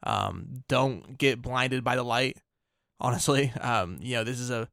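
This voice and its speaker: Male co-host, middle pitch, rambling think-aloud style, dry room. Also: unhurried, vocal fry, fairly bright tone, no room sound. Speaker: podcast co-host. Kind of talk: casual fantasy football chat.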